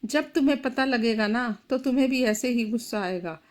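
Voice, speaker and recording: A woman's voice: on the high side, moderate pace, natural voice. A woman voicing an enraged young husband. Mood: angry. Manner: shouting, accusing. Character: furious grieving young husband.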